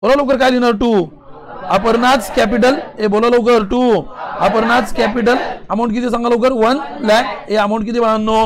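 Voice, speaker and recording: A male commerce teacher leading a classroom accounting lesson, firing quick questions and calling on students to answer loudly. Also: very high voice, fairly even intonation, crowd noise. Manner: drilling students with rapid call-and-response questions. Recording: class chorus behind.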